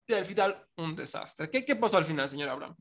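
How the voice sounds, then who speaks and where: A man, his voice sitting a little high, talks through a casual podcast breakdown. He sounds opinionated and keeps tagging his points with a quick question. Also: big pitch swings, fairly bright tone. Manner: opinionated, often ends phrases with a questioning tag. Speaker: wrestling podcast co-host.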